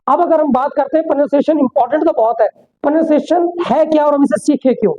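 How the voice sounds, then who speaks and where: A woman's voice: high voice, warm tone. A woman teaching an English pronunciation lesson, mixing Hindi and English, repeating words and asking the class questions. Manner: repetitive, asks the class questions; slows down sharply for English sentences. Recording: dull, lo-fi sound.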